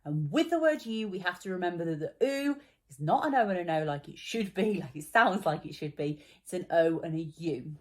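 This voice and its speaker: Young female teacher, low-ish voice, patient and encouraging, walks kids through spelling. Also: animated, a little fast. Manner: patient, encouraging, explains step by step. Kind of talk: children's spelling lesson.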